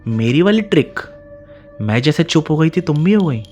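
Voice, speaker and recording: A man voicing a playful, mischievous young woman in a spoken horror story, talking louder than his narration. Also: medium pitch, steady tone, fairly quick, faint music behind, natural voice. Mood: teasing.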